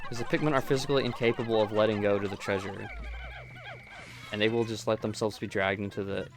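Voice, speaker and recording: A man giving relaxed, rambling gameplay commentary, often correcting himself as he talks into a close microphone. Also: fairly low pitch, quick pace. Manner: rambling, self-correcting, chatty. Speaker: gameplay streamer. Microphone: close desk microphone.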